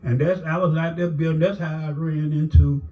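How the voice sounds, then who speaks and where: A man's voice: a little high, little pitch movement, moderate pace, dark tone, low-quality recording. An older man telling his life story in a casual interview, rambling with many "you know"s and acting out the dialogue he recalls.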